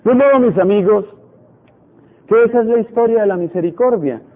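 A man's voice: high voice, a little fast. A man preaching a fervent sermon as a priest, acting out prayers in the first person. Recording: tinny phone-like radio broadcast.

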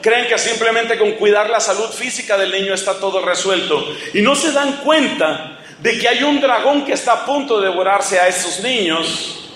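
A man's voice: sits high, normal speed, a bit bright, slight background noise. A man preaching a sermon in an impassioned, sarcastic and rhetorical way, recorded in an echoing hall.

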